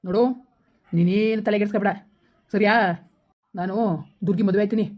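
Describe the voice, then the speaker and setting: Wheedling bossy landlord played by a woman, quick talker. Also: mid-range voice, steady tone, mellow, close to an everyday voice. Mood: coaxing. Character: scheming rich male village landlord.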